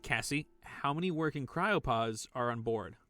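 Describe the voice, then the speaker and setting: A man's voice: mid-range voice, animated, normal speed, pushed and bright, faint music behind. A man playing a conscientious, cautious and inquisitive salvage worker in a science fiction audio drama. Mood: uneasy.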